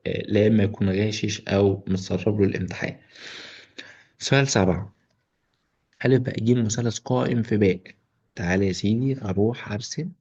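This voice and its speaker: A man's voice: on the low side, warm tone, breathy edge, highs cut off. A male math teacher with an Egyptian accent, walking through an exam's solutions with joking asides to students. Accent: Egyptian Arabic. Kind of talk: exam solution walkthrough.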